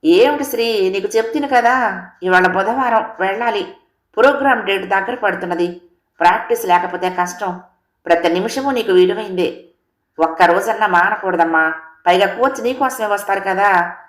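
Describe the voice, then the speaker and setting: A woman's voice: mid-range voice, a little fast, close to an everyday voice. Woman putting on a pushy impatient dad, scolding, storybook reading, echoey room. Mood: coaxing. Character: impatient domineering middle-aged father. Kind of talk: storybook character voice. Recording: roomy echo.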